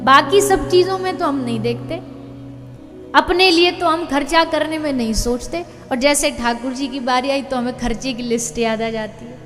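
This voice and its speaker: A woman telling a devotional story as a sermon, acting out the characters' lines with lively expression. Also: sits high, normal speed, big-room sound, faint music behind. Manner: lively, acts out dialogue in the story. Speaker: spiritual storyteller.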